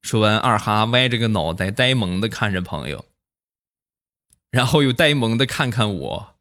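A man's voice: lowish voice, expressive, moderate pace, a bit bright. A man telling comic anecdotes in a chatty way, full of tag questions. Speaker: stand-up storyteller. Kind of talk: comic monologue of short anecdotes.

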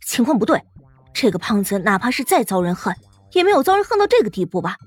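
A woman voicing a calm, sharp-witted young woman fighter who muses in a cool, measured way. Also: a little high, slightly rough, no room sound, soft background music. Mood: musing. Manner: cool, measured inner musing. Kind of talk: audiobook character reading.

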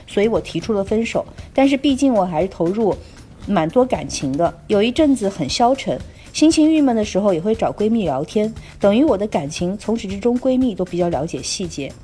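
A woman co-hosting a podcast, reading a listener's letter aloud at a steady, conversational pace. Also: mid-range voice, brisk, a little hiss or hum. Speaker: podcast co-host.

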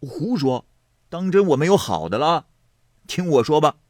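A man voicing a boorish, blustering rich young man who hems and pauses between words, in a story reading. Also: medium pitch, sing-song, fairly bright tone, dry recording, clean studio sound, pitched above the performer's own voice, heavily acted. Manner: hemming with drawn-out pauses.

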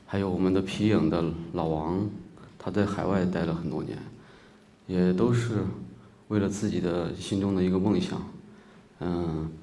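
A man from Xi'an talks informally on stage as a musician, haltingly and with many pauses. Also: low voice, steady tone, dark tone. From Xi'an, Shaanxi, China. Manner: halting, pausing often. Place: stage in a hall. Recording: echoey hall, distant mic, faint noise.

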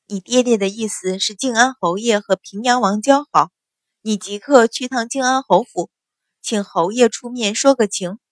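A woman's voice: a little high, moderate pace, dry recording, studio quality, close to an everyday voice. A woman reading an audiobook novel, voicing a haughty, scheming middle-aged stepmother of a noble house who speaks sharply and indignantly.

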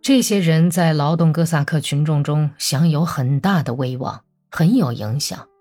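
Cold old revolutionary man, as a woman reader puts him on, lecturing, slow and even, low hushed voice. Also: soft background music. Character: elderly calm Bolshevik man, cold and methodical.

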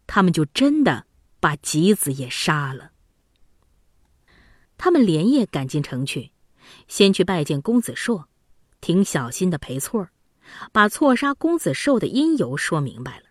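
A woman narrating a classic children's story in an expressive, dramatic way. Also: fairly low pitch, measured pace, pauses often, no room sound, studio quality.

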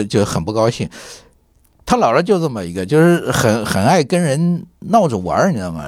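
A man's voice: mid-range voice, no room sound, clean studio sound. A middle-aged man, a film professor, telling colloquial anecdotes as an interview guest and often asking his listener to agree. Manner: lively, acts out quoted voices; colloquial, many fillers and tag questions. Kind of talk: anecdotal storytelling.

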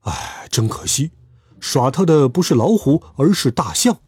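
A man voicing the boy's easygoing, joking father, speaking low and slow in a husky voice. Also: sing-song, a little mellow, full character voice. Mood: amused. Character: calm, jokey father of the boy hero.

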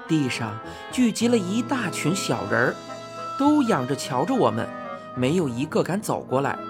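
Woman narrating a storybook, expressive, lively pitch, lowish voice, faint music underneath. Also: moderate pace. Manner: lively, expressive first-person telling.

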